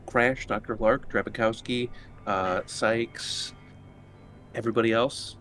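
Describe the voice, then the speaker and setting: A man chats casually as a player in a tabletop roleplaying game. His voice is medium in pitch and a bit bright, with a steady tone and a slow pace, and faint music plays in the background.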